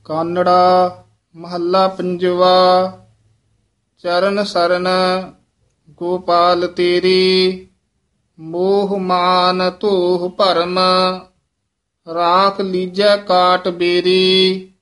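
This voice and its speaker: High, flat, very slow male teacher. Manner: slow chant-like reading with quick quiet corrective asides. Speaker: recitation teacher. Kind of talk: scripture recitation lesson.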